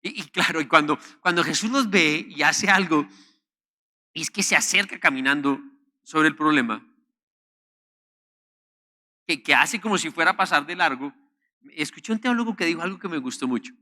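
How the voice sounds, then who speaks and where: Bright-voiced preacher man. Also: expressive, moderate pace, long pauses. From Colombia. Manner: emphatic, repeats words as he preaches; shifts between loud stresses and soft low phrases. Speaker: pastor. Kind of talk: sermon.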